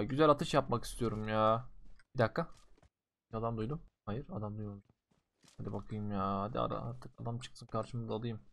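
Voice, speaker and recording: A young man giving casual commentary while playing a mobile shooter game, slangy and excitable, swinging between loud outbursts and low muttering as he talks to his viewers.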